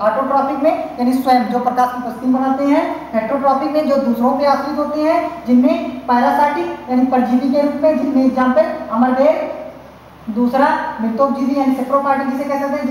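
High-voiced woman lecturing in echoey hall. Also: darkish tone. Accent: Hindi-speaking North Indian. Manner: repetitive, filler-heavy explaining with frequent restarts. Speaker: college teacher. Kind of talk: classroom science lecture. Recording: very echoey hall, faint hiss.

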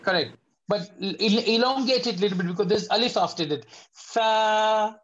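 A man's voice: sits high, a bit bright, breathy edge. Patient male teacher on an online call. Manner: patient, demonstrates sounds slowly and repeats them. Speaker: Tajweed teacher. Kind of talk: online lesson, correcting students. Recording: slightly dull lo-fi audio.

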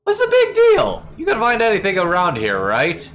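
A man voicing a foul-mouthed, violent young male killer from a horror game, brash and shouting. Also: sits high, huge pitch swings, moderate pace, slight background noise, pitched above the performer's own voice, exaggerated voice. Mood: angry. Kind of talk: reading game dialogue aloud on stream.

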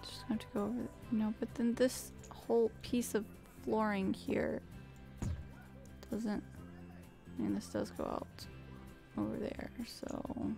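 Gravelly slow-talking woman streamer. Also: on the high side, level tone, over music. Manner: muttering to herself, frustrated sighs. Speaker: game streamer. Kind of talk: casual gameplay commentary.

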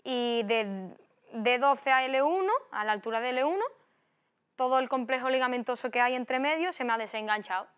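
Woman telling a lively story. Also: high voice, moderate pace, smooth. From Spain. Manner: lively storytelling with acted-out quotes. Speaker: guest footballer. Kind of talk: casual chat.

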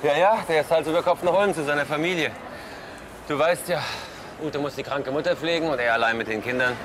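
A relaxed colleague in his thirties who likes to tease, as an actor plays him in a TV drama. His speech is easygoing and chatty. Clear background noise sits under the voice. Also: fairly high pitch, fairly quick, close to an everyday voice. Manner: teasing, easygoing. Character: man in his thirties, friendly joking colleague. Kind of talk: TV series acting.

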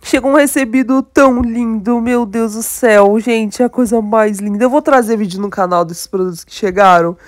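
Her voice sits on the high side and she talks at normal speed with few pauses. She's a young Brazilian beauty vlogger, nasal and stuffy from a cold, chatting with enthusiasm during a casual makeup tutorial, with a Brazilian Portuguese accent. The recording is dry and clean, studio quality.

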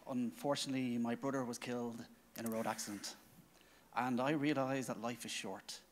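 A man's voice: medium pitch, fairly even intonation, normal speed, slight background noise. A middle-aged man telling a personal story to an audience. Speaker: company founder. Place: large conference stage, indoors. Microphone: handheld microphone. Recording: reverberant conference hall.

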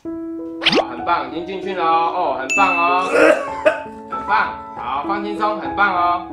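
A man's voice: high voice, normal speed. A young man with a Taiwanese Mandarin accent, coaching casually and reassuringly in short, repeated instructions. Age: young adult. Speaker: nurse demonstrating a procedure. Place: small furnished room indoors. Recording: roomy echo, loud music behind.

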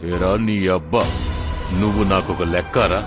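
A man's voice: deep voice, expressive, brisk. An actor playing a haughty, crooked male college chairman who turns threatening. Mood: menacing. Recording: film soundtrack with loud music.

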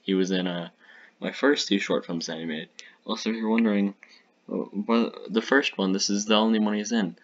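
A man's voice: lowish voice, fairly even intonation, moderate pace, highs cut off. A young man casually reacting to his old short films, chatty and rambling with lots of fillers.

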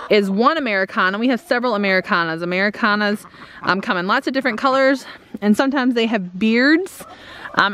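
A woman in her thirties, a homesteader vlogger, walks through a casual outdoor farm tour holding the camera at arm's length. Her medium-pitched voice has a fairly bright tone, and she explains things chattily with frequent "um"s. There is a little hiss or hum.

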